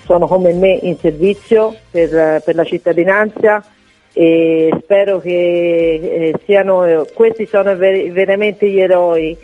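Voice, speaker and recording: A woman calling in to a radio interview on a poor-quality phone line while on duty, talking haltingly with many fillers and restarts. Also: on the low side, fairly even intonation, soft background music. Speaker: volunteer association head, phone-in guest.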